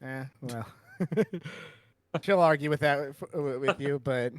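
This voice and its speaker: Man with slightly raised pitch, rambling. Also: slow, slight background noise. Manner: rambling, self-interrupting, chuckles often. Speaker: podcast co-host. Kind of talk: casual chat.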